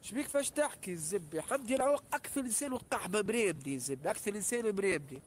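A man's voice: sits high, expressive, rapid-fire, a little hiss or hum. A man with a Tunisian accent, ranting on a live stream and hurling insults, boasting and repeating himself with heavy swearing. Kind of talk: angry live-stream rant.

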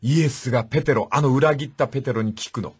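A man's voice: mid-range voice, quick pace, darkish tone, breathy edge. A male radio host who tells stories with animation and acts out the voices in them. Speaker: radio talk show host. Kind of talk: animated storytelling commentary.

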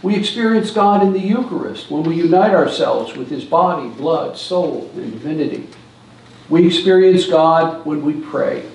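An older man with a fairly high, creaky, slightly mellow voice tells stories at a moderate pace with lively intonation. It's a church seminar talk given from a lectern in a large hall, with gestures, captured from afar amid echo and slight background noise.

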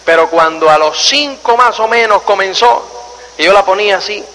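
A man with a high, bright voice gives a motivational seminar. He acts out little scenes and keeps asking his listeners questions. His voice carries a long hall reverb over faint background noise. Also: normal speed. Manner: animated storyteller, acts out scenes and asks the audience rhetorical questions. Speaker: motivational speaker. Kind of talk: live seminar talk to an audience.

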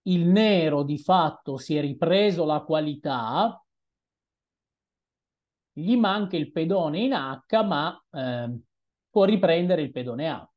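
Slow-talking man musing over moves. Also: a little high, expressive, a little mellow. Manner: unhurried, musing, hesitant asides. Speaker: chess streamer. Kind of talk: thinking-aloud game commentary.

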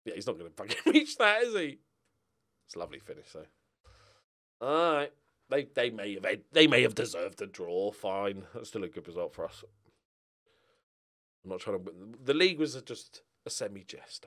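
This streamer's voice is fairly low and a bit bright. He's a middle-aged British man playing a football management game, offering loose, jokey commentary as he thinks aloud, lurching from mutters to exclamations.

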